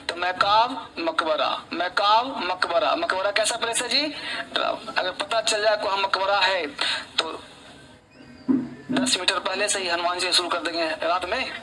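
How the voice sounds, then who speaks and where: A man's voice: high-pitched, pushed and bright, a little hiss or hum, low-quality recording. A man teaching English vocabulary with memory tricks, repeating each word and answering his own questions. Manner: repeats words, asks questions and answers them himself.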